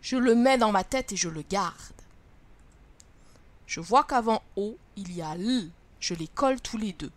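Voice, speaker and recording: A woman teaching young children to read, speaking slowly and sounding out each letter and syllable with care. Her voice sits in a middle pitch and is recorded close and dry, with no room echo. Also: lively intonation. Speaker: first-grade teacher. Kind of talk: reading lesson for young children.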